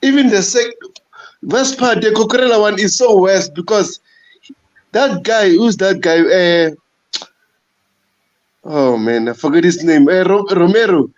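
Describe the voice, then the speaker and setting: High-voiced frustrated fan on a lo-fi line. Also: male voice. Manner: frustrated, halting, many repeats and stumbles. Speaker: guest fan on a live stream. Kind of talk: casual football rant.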